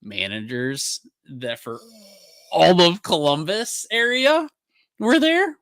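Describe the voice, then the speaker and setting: A young man, co-hosting a casual podcast and telling animated stories with frequent laughs. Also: high voice, slow pace, dry recording. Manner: animated storyteller, laughs often. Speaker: podcast co-host. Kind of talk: casual chat.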